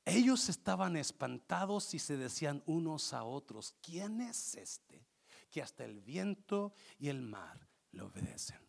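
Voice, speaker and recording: A male pastor preaching a fervent sermon that swings between shouting and hushed tones. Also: a little high, sing-song, normal speed, vocal fry.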